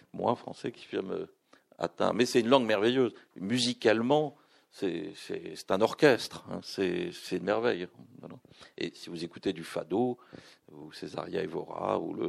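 A man's voice: on the low side, gravelly. A man speaking as a guest at a literary festival, explaining at length with many hesitations and restarts. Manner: discursive, full of hesitations and restarts. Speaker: publisher and translator, guest speaker. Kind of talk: public talk at a literary festival.

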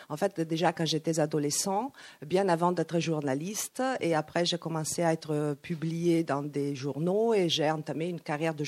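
A woman's voice: low voice, darkish tone. A woman working as a live interpreter, relaying a speaker's answers with hesitations and self-corrections. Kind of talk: consecutive interpreting at a live talk.

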